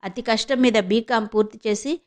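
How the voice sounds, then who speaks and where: A woman narrating a novel audiobook in an expressive, measured storytelling manner. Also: a little high.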